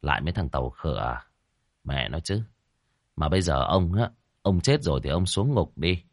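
A man voicing a brash young ghost-hunter who scolds a ghost in a rough, plain-spoken way. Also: rumbling low, sing-song, normal speed, no room sound, studio quality, exaggerated voice. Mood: gruff. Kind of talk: storytelling.

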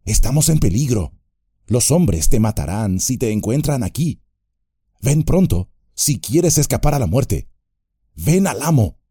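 A man's voice: medium pitch, very animated, a little slow, mellow, husky, dry recording, clean studio sound, pitched above the performer's own voice, heavily acted. Man voicing earnest young hobbit Frodo. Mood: pleading. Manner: urgent, pleading. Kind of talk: audiobook character voice.

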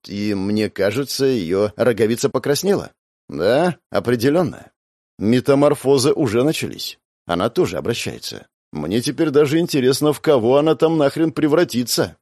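Husky man reading a story. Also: mid-range voice, a little mellow, no echo, clean studio sound. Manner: wry, crude asides. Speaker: audiobook reader. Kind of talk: first-person storytelling.

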